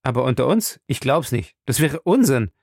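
A man voicing an excitable, talkative young French manservant in a storybook reading, proud and quick to take offence. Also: medium pitch, vocal fry, no room sound, clean studio sound. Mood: chatty. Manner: chatty, proud, indignant.

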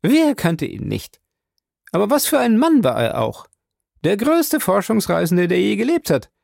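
A man voicing a chattering, warm-hearted older woman who gushes breathlessly. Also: high voice, very animated, measured pace, vocal fry, no echo, clean studio sound, voice pushed up, heavily acted. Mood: gushing.

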